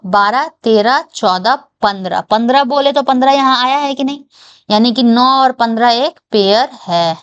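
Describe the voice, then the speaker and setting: A woman's voice: fairly high pitch, clear, resonant tone, lo-fi sound. A young adult woman teaching an exam-prep reasoning lesson. She counts aloud step by step and checks whether her students understand.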